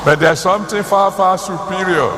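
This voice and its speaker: Nigerian guy preaching, slow and repeats phrases, kinda higher voice, big echoey noisy hall. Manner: deliberate phrasing with emphatic repetition. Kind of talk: sermon to a congregation. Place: large hall, church service. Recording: echoey hall, loud background noise.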